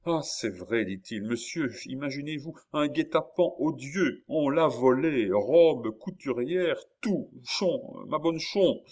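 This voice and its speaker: A man's voice: medium pitch, animated, measured pace, hardly any pauses, voice pushed up. A man voicing a blustering, impetuous nobleman who talks emphatically. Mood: indignant.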